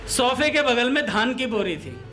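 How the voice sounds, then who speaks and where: A man with an extremely high, pushed, bright voice delivers a devotional satsang talk in a sing-song manner at normal speed, with slight background noise. He tells stories, mixing everyday anecdotes with a funny tale of lisping brothers and mimicking their lisps for comedy.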